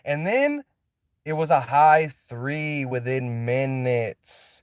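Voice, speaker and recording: A man's voice: medium pitch, lively intonation, slow, clean tone, no room sound, clean studio sound. A man in an unscripted vlog, ranting with passion and a preachy tone, repeating and restarting as he goes. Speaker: vlogger. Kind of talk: unscripted driving vlog monologue. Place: inside a car.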